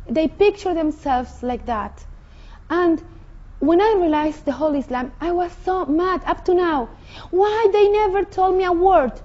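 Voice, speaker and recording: Mexican-accented woman, high mellow voice, earnest and halting, dull lo-fi sound. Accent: Mexican Spanish. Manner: earnest, halting, with frequent restarts. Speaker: convert sharing her testimony. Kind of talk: personal testimony.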